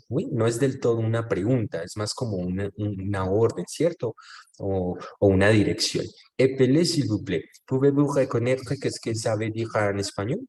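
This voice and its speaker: A man's voice: mid-range voice, a little mellow. A man teaching French in an online class, patiently checking that students follow and mixing French phrases into Spanish explanations over a video call. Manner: patient, often checks understanding with tag questions.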